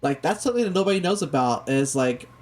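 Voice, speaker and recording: A talk show host whose first language is Spanish, talking slowly and carefully in casual chat, often restarting sentences. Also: mid-range voice, lively intonation, darkish tone. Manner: deliberately slow, careful speech with frequent restarts.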